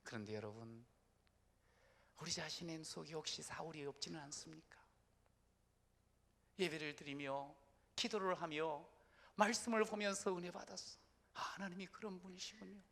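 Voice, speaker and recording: Bright, high-voiced Korean pastor preaching. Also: male voice, gravelly, long reverb tail. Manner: swings from soft, slow prayer to loud shouted exclamations. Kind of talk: sermon.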